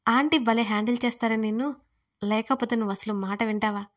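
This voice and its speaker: Woman doing a young man, teasing, possessive, firm, slightly high voice, storybook reading. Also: steady tone, fairly quick, lightly acted.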